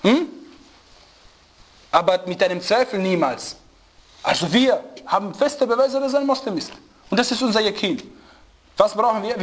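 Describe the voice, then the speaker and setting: This male religious teacher has a high voice and speaks emphatically to his class, repeating key phrases and quizzing them with rhetorical questions. When he can't find a German word, he asks his students for it, and the recording's highs are cut off.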